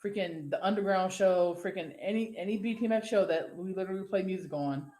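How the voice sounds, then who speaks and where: Speaking fast in a mellow, mid-range voice, a woman co-hosts a casual live stream where she reads viewer comments and rambles between them. She swears without restraint and laughs easily, her voice echoing in the room.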